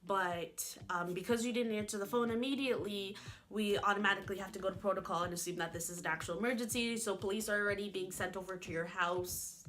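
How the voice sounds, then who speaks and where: A woman voicing a calm female emergency dispatcher who explains procedure in a reassuring way. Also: medium pitch, fast talker, a little hiss or hum, close to an everyday voice.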